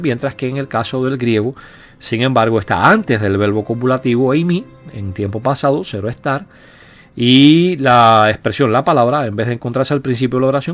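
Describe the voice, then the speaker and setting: Man explaining grammar with patient asides. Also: mid-range voice. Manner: patient, explaining, with frequent "eh" and "¿verdad?" tags. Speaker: Bible grammar teacher. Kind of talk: explanatory lecture.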